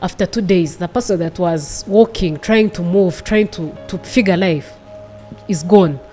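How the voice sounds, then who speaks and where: A woman's voice: lowish voice, unhurried, mellow, soft background music. A woman in her twenties, a podcast guest, telling her personal story earnestly and repeating phrases for emphasis. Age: 20s.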